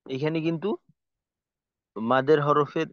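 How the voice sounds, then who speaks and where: A man teaching Quranic pronunciation, patiently demonstrating each sound by repeating it slowly. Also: a little high, dry recording, dull audio. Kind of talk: spoken lesson on pronunciation.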